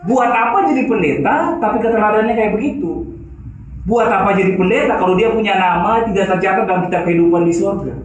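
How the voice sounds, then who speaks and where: A man delivers an emphatic sermon, calling out rhetorical questions to the congregation. His voice sits fairly high for a man. It rings through a very echoey church hall, picked up from some distance off the mic. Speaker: preacher.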